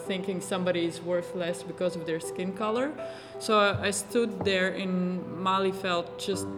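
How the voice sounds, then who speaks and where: Woman from latvia, earnest and thoughtful, lowish voice, music playing behind. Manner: earnest, reflective. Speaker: resident. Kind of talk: casual chat. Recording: long reverb.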